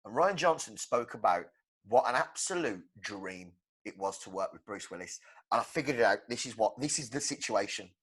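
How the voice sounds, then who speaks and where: A young man co-hosting a movie podcast in casual, animated chat. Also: fairly low pitch, moderate pace, slightly rough. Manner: animated, acts out quotes. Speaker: podcast co-host.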